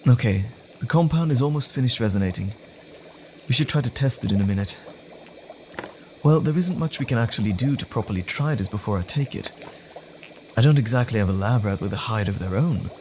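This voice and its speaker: An actor playing Dr. Jekyll, an earnest, anxious gentleman scientist who speaks hesitantly and stammers, in a dramatic audio roleplay. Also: mid-range voice, lively intonation, a little fast, a little hiss or hum, natural voice. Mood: earnest, focused.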